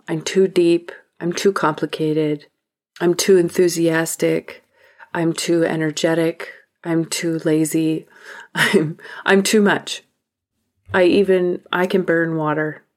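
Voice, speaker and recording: A woman hosting a podcast, speaking a reflective monologue in a deliberate, emphatic way that sometimes drops to a whisper. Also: lowish voice. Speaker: podcast host.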